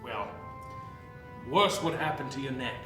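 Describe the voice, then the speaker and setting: A man's voice: mid-range voice, animated, a little slow, close to an everyday voice. A man playing a wary, blunt brawler knight in an improvised medieval role-play, talking in short phrases. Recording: echoey room, music over the talk.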